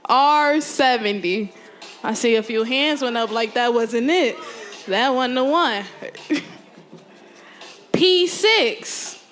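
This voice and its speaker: A woman's voice: fairly high pitch, expressive, a bit bright, faint music behind. A young woman calling bingo numbers at a community event on a handheld mic, repeating each number and laughing and joking with the crowd. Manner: slow, repeats every number, laughs often, jokes with the crowd. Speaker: bingo caller. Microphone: handheld microphone.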